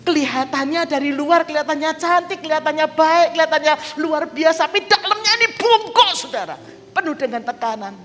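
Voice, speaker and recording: A woman's voice: high-pitched, expressive, brisk, fairly bright tone. A woman evangelist preaching a sermon with a personal testimony, telling her story vividly and acting out the dialogue. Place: large church hall. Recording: church hall reverb with background music.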